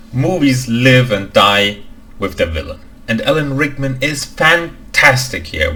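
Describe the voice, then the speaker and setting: With a mid-range voice on poor audio, a German language expert gives dry, opinionated commentary in a film reaction video. He critiques with deadpan asides.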